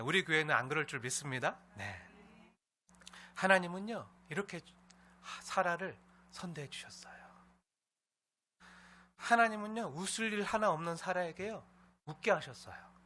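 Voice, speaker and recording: A man's voice: a little high, lively intonation, moderate pace, a little hiss or hum. A man preaching as pastor to his congregation, telling a story and leaning on a habitual "ne" between phrases. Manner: warm storytelling with frequent "ne" fillers and scolding imitations. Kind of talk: sermon. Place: church sanctuary with congregation.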